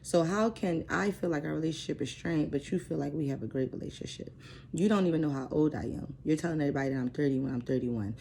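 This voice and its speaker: A woman's voice: sits low, fast, creaky, warm tone, slight background noise. A woman in her thirties hosting a personal vlog, talking bluntly and with frustration about her family. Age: 30s. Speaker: vlogger.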